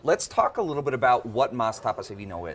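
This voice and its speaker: A man's voice: medium pitch, sing-song, fast talker, slight background noise. A man hosting a live TV cooking segment, upbeat and enthusiastic, talking to viewers as folks. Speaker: TV morning show host.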